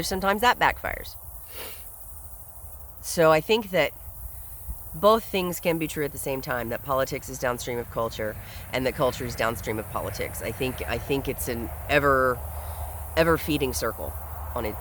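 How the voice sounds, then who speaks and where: A man's voice: mid-range voice, a bit bright, a little hiss or hum, poor audio. A man hosting a solo podcast, speaking in an earnest, reflective way and often repeating words as he thinks aloud. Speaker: podcast host. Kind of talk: solo commentary monologue.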